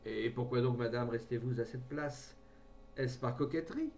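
A man's voice: mid-range voice, normal speed, creaky, darkish tone, slight background noise, close to an everyday voice. A man reading aloud voices a gallant, blunt cavalry colonel, unsure with ladies and bluff with friends. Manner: hesitant with women, bluff with friends.

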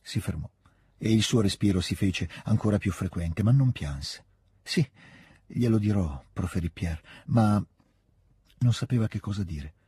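A man reads a classic novel aloud, calm and measured, in a studio. His voice is very husky and dark, pitched low. The sound is dry and close to the mic. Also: no room sound. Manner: calm, measured literary reading. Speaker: audiobook reader.

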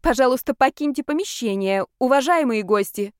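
A flustered female restaurant administrator rushes through polite pleas in a storybook, played by a woman reader. Her voice sits clearly higher than the reader's own, smooth and clear. The sound is dry and close. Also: animated, dry recording. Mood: pleading. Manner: hurried, anxious politeness.

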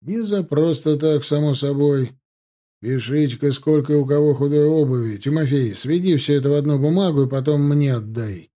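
A man's voice: on the high side, moderate pace, dark tone, lightly acted. A man voicing a firm, sensible male squadron commander giving orders. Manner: firm, decisive instructions.

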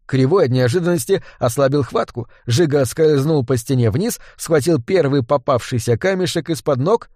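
A man's voice: fairly high pitch, normal speed, hardly any pauses, a little mellow, dry recording. Man reading a story, dry close sound. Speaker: narrator. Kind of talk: audiobook narration.

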